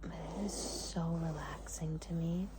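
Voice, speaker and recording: A woman hosting ASMR in a soft, hushed whisper, speaking in short unhurried phrases with pauses between them. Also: sits low, steady tone, very noisy. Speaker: ASMR host.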